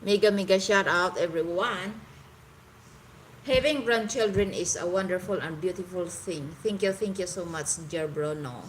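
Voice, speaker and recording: Speaking into her phone, this Visayan-accented woman from the Philippines, a native Cebuano speaker, chats with live stream viewers and often gropes for English words. Her voice is lowish and moderately paced, and the rough recording carries a little hiss or hum.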